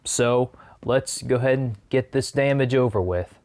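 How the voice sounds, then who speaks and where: Guy doing a candy challenge vlog, eating sour candy and just chatting, regular pitched voice. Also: moderate pace, darkish tone. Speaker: food challenge vlogger. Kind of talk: casual chat to camera.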